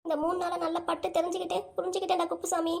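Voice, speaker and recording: A woman's voice: very high-pitched, steady tone, racing, gravelly, bright, forceful tone, heavily acted. A woman voicing a tearful, self-pitying middle-aged mother in a cartoon comedy, with a southern Tamil Nadu accent. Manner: tearful, plaintive.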